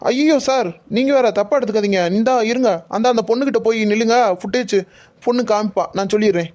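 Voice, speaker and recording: Woman voicing mall manager, cartoon, fast apologetic talk, mellow, slightly high. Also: close to an everyday voice. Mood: hurried. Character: defensive mall manager, suspicious then apologetic.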